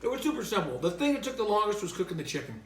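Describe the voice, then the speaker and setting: A man's voice: sits high, big pitch swings, very fast, echoey room. A man co-hosting a cooking show, explaining the steps in upbeat, joking banter. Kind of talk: casual cooking demo banter.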